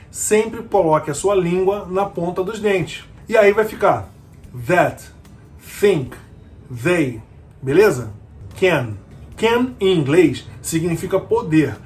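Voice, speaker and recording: A man's voice: high-pitched, slight background noise. A man teaching an English lesson, patiently repeating key words and checking that the listener follows. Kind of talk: explanatory language lesson.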